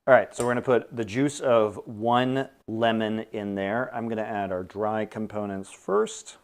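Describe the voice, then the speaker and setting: A man's voice: lowish voice, fairly even intonation, a little slow. A man hosting a casual cooking stream, explaining each step aloud with dry, teasing humor. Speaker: cooking show host.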